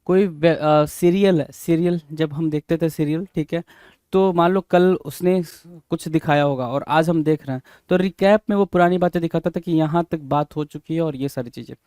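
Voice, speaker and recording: A man with a slightly high, mellow voice teaches English vocabulary for exams at a normal pace, spelling words letter by letter. His tone is clear and resonant, and the recording is dry with clean studio sound. He keeps tossing out "bhai?" as a rhetorical prompt to his students.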